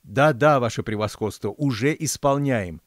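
A man's voice: mid-range voice, moderate pace, no room sound, clean studio sound, close to an everyday voice. A man reading an audiobook, voicing a chief of guards who barks orders and grovels to his superior. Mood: fawning. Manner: shouting orders, fawning into the phone. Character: bellowing middle-aged male chief of guards.

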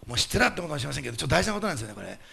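A male pastor delivering a sermon, emphatic and animated, putting rhetorical questions to the congregation. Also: a little high, racing, creaky, husky.

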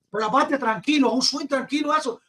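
A man hosting a casual interview, reacting excitably. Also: very high-pitched, moderate pace. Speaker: host.

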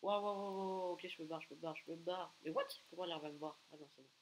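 A man giving excitable live gameplay commentary, taunting opponents and bursting into repeated exclamations. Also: a little high, fast talker, a little hiss or hum, rough recording. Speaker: gaming video creator.

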